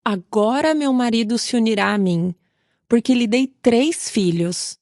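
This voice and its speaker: A man voicing a hopeful, devout young wife in a Bible audio reading, in a high, drawn-out falsetto. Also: a little mellow, no echo, clean studio sound.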